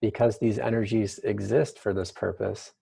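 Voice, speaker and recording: Low, creaky man guiding a mystical meditation. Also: fairly even intonation, moderate pace, warm tone. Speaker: guided meditation leader. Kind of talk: guided meditation.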